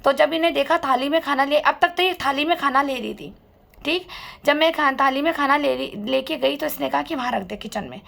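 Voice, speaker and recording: A woman's voice: high-pitched, fairly even intonation, fairly quick, vocal fry, fairly bright tone. A woman recounting her own hard life story to listeners, aggrieved and bitter. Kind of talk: emotional personal testimony.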